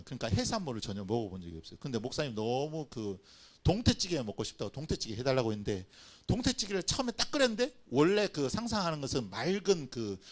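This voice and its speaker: A middle-aged man preaching a children's and family sermon, telling stories and acting out little scenes. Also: fairly high pitch. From Korean coast. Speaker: pastor.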